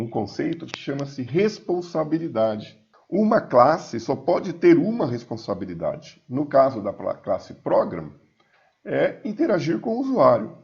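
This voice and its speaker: A man, teaching a screencast coding lesson and reading code aloud slowly as he types. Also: mid-range voice, vocal fry, a little mellow, muffled recording. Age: 50s. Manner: talks while typing, reads code aloud slowly. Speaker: programming instructor.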